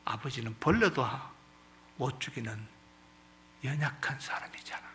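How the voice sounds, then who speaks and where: A man's voice: medium pitch, bright, forceful tone, full character voice. A man voicing a sorrowful mother who earnestly pleads with her son.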